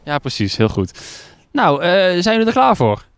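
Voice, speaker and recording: Out on a lakeside jetty in the rain, a curious man chats through an outdoor report, stumbling over his words as he asks questions. His high-pitched voice is smooth and resonant, swooping wildly in pitch at a moderate pace. The sound is dry, close-miked, and free of echo.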